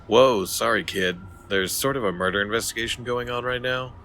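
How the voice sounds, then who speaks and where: An actor playing an indifferent, condescending, flippant police officer in a video game. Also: male voice, on the low side, brisk, bright, forceful tone, slight background noise. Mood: bored, dismissive. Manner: flippant, dismissive.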